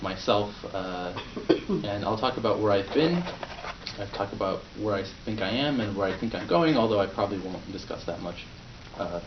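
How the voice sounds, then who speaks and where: A young Polish-born man whose first language is Polish gives a prepared speech to a club, speaking low and easygoing with fillers and restarts. The mic picks him up from a distance in a roomy meeting room, and the recording is dull, muffled, and noisy.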